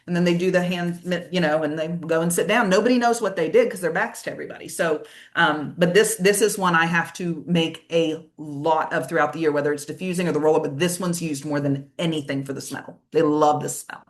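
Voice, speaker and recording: A teacher lady telling a story, choked up and tearful, stops and restarts a lot, kinda low voice. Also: fairly even intonation. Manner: emotional, tearful, halting with restarts. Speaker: teacher and guest. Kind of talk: casual storytelling.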